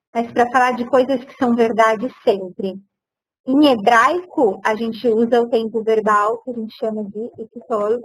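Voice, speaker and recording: A woman's voice: fairly high pitch, husky, poor audio. A woman teaching Hebrew grammar in an online seminar, explaining patiently and sometimes searching for words, on a computer mic.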